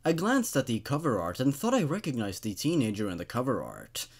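A man in his twenties hosts a horror show, reading creepy stories into a studio condenser microphone on a stand. His mid-pitched, gravelly voice moves a little fast and swings hugely in pitch during dramatic reading, then settles into casual, wry commentary.

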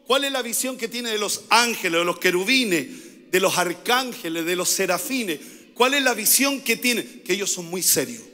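A Chilean-accented male pastor delivers a sermon in a high, bright, forceful voice. He repeats key phrases and has the congregation say lines back to him. His voice rings with the long reverb of a church hall. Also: creaky. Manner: preaching with repeated phrases and call-and-response.

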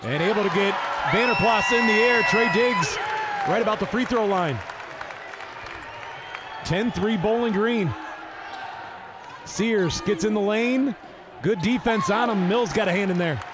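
A high-pitched man calls a basketball game in fast sports commentary. His delivery is clipped and urgent, over a busy crowd and clear arena noise. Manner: clipped, urgent play-calling. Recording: noisy arena with crowd behind. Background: crowd and bouncing basketball in arena.

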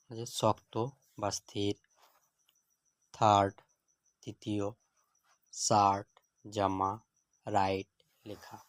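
Slow, measured male grammar teacher. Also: on the low side, no room sound. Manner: measured, word-by-word dictation with translations.

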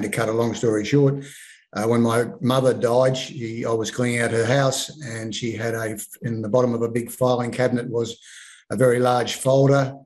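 An Australian man in his sixties, an author, telling stories in a relaxed way with frequent ums and restarts over a video call from his home lounge room. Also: mid-range voice, rough recording. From Melbourne, Australia. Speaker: author guest. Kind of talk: casual interview. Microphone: video call webcam.

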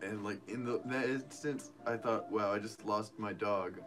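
A man telling a story casually, rambling and halting, with lots of fillers. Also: lowish voice, over music, poor audio.

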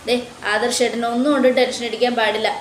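A woman voicing a gentle, devoted young woman lying in hospital, speaking softly and earnestly. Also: on the high side, flat delivery, quick pace, reverberant, a little hiss or hum, lightly acted. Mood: reassuring.

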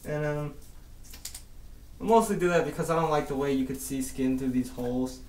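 A man's voice: fairly high pitch, normal speed, darkish tone, slight background noise. A young man casually reviewing an airsoft mask indoors, his voice muffled by the balaclava and mask he is wearing. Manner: casual, rambling, mild swearing. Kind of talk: casual gear review vlog. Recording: roomy, distant camera audio.

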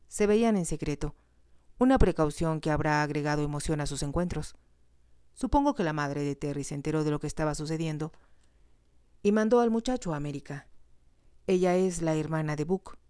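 A woman's voice: sits low, brisk, clean tone, dry recording, studio quality, lightly acted. A woman reading aloud, voicing a male family doctor who speaks steadily and firmly. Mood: measured. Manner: steady, reassuring, stern at times. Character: calm firm family doctor, man.

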